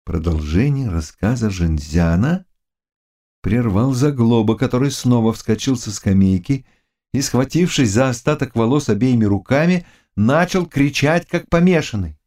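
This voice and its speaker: A male narrator reads a classic novel in a measured, expressive voice. His pitch rises and falls a lot across his sentences. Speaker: audiobook narrator.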